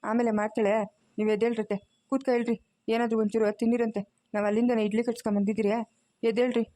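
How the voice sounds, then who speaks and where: Lady playing a son-in-law in a cartoon, talks fast, mellow, sensible, dry sound. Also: a little high, little pitch movement, no echo, lightly acted. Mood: coaxing. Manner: reasoning, coaxing. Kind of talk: cartoon voice acting.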